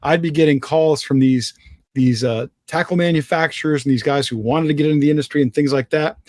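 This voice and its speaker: A man guesting on a podcast, talking in an energetic, self-assured, joking way about his business. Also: on the high side, brisk, no room sound, clean studio sound. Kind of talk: casual interview chat.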